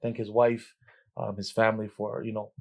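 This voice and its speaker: Warm, gracious man from Tonga. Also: fairly low pitch, little pitch movement, normal speed, vocal fry. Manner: warm, grateful, laughs easily. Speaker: podcast co-host. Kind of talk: casual podcast chat.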